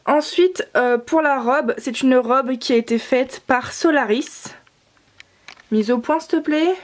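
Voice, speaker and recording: A young woman with a high voice chats her way through a show-and-tell. She rambles a little, fills gaps with hesitations and corrects herself as she goes. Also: measured pace. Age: young adult. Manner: chatty, rambling, many fillers and self-corrections. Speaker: doll collector vlogger. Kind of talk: casual show-and-tell narration.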